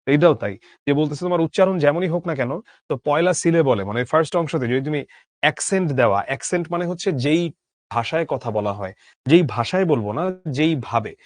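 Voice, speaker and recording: A man's voice: fairly high pitch, expressive, a little fast, no room sound. A young adult man teaching a literature lesson to exam students, rereading each line of the text and rephrasing it in simple words, with emphatic rises and drops on key words.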